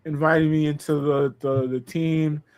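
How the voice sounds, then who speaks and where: A man's voice: a little high, flat delivery, normal speed, a little mellow, clean tone. Laid-back man with a pseudo New York accent. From Boston, Massachusetts. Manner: laid-back, rambling, lots of fillers. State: recovering from dental surgery. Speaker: guest content creator. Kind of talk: casual podcast chat.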